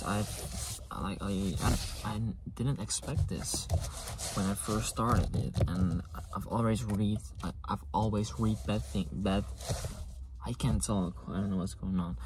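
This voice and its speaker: Male, twenties, non-native English speaker: slow, soft, casual ASMR car ramble over heavy clicking and handling noise. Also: lowish voice. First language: not English. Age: 20s. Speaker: ASMR video creator. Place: inside a parked car with engine off. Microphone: close to camera behind steering wheel. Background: loud clicking and tapping.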